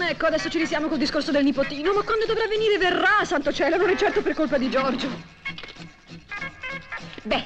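An actress playing a gossipy young wife chattering on the phone to her mother in a 1960s film, quick to take offence. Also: very high-pitched. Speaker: housewife on the phone. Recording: 1960s film soundtrack with music behind.

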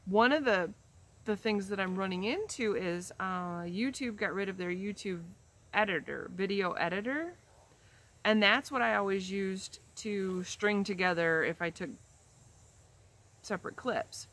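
Speaking at a slightly slow pace in a medium, somewhat bright voice, a vlogger of about fifty talks casually to the camera in front of her. She is seated outdoors in a leafy backyard, shown from the shoulders up, and her talk wanders with many ums and false starts.

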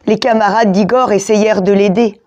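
A woman reading a children's picture book aloud, in a slow, expressive storytelling manner. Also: mid-range voice. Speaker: storybook reader.

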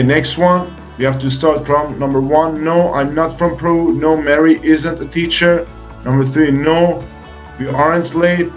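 A male English teacher with a slightly high voice hosts a video lesson for beginners. He explains step by step, slowly and deliberately, in short phrases with pauses and an encouraging manner.

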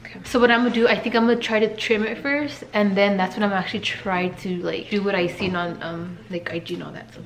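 Talking quickly in a steady, mid-range voice, a woman vlogs from home and addresses her audience as "you guys." The chatty, casual talk includes a sponsor read, recorded in an echoey room with faint music in the background.

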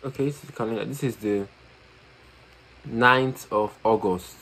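Excitable slangy man narrating gameplay. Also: medium pitch, moderate pace, poor audio. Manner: excitable, swearing, slangy, thinks aloud. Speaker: gamer playing a horror game. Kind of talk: casual gameplay commentary.

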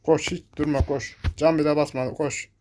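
A man's voice: on the high side, steady tone, moderate pace, warm tone, a little hiss or hum. A young man giving live gameplay commentary, talking to his viewers and cursing at the enemies that chase him. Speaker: gameplay streamer.

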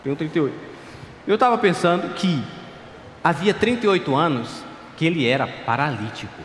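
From a pulpit on a large, dark church stage, a pastor in his thirties preaches a passionate, pleading sermon that drops now and then into quiet asides. His voice is a little high, expressive and brisk. The stand mic at the pulpit is clear, but the hall is echoey, with faint ambience and slight background noise.

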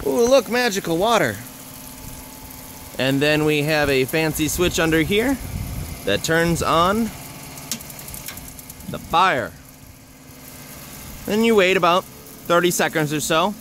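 A man's voice: on the high side, animated, slow pace, long pauses, fairly bright tone, slight background noise. A young man in his twenties giving a chatty, joking walking tour outdoors in the woods, filmed on a handheld camera at arm's length.

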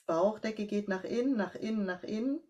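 A German-accented woman with a mid-range voice, working as a voice coach, gives slow, calm step-by-step instructions during a breathing and posture exercise.

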